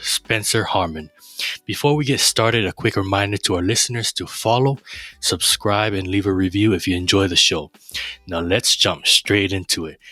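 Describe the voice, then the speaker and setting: A man, hosting a podcast and opening with a measured, scripted introduction before interviewing his guest. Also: sits low, bright, forceful tone, no echo. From American Samoa. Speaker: podcast host.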